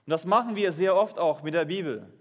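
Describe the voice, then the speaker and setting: A man with a notably high voice delivers a sermon, reading scripture aloud and explaining it. He speaks earnestly and often turns questions back to his listeners. The sound rings out with a long reverb from a church hall. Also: a little fast, fairly bright tone. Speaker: pastor.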